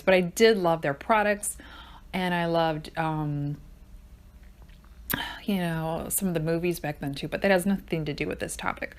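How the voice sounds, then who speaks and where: An older woman with a somewhat low voice hosts her own podcast. She talks off the cuff, wandering from one thought to the next in a chatty way. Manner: rambling, digressive, chatty. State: out of breath. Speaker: podcast host. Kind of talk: casual improvised monologue.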